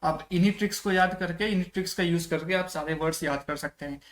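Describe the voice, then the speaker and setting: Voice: mid-range voice, fast. A teacher giving a vocabulary lesson, asking rhetorical questions and answering them, repeating key points over and over. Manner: repetitive, often says "theek hai". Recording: roomy echo.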